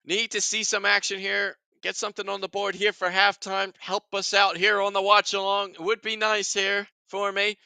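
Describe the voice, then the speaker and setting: A high-pitched man hosts a live soccer watchalong stream. He rambles and chats casually with his viewers. The recording is dry and close. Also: monotone, normal speed, vocal fry, hardly any pauses, bright, forceful tone, clean tone, no echo. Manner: chatty, rambling, talks to chat viewers.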